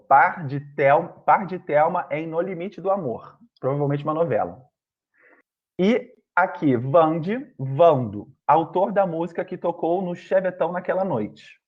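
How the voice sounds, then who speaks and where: A man teaching an online grammar lesson, explaining step by step and often checking in with his students. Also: fairly high pitch. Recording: dull lo-fi online class audio.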